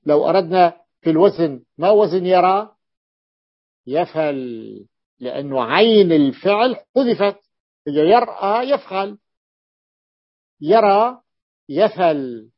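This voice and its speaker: A man teaching Arabic morphology explains a classical text, repeating key forms and inviting a student to read on. His voice is on the high side with lively intonation and a measured pace, and the sound is lo-fi.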